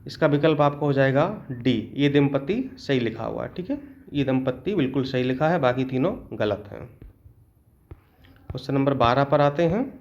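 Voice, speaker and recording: A man's voice: medium pitch, lively intonation, normal speed, darkish tone, highs cut off. A male teacher going through exam questions step by step, often stopping to check in with his students. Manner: explains step by step, often adds a checking "okay". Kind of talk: exam-prep lesson.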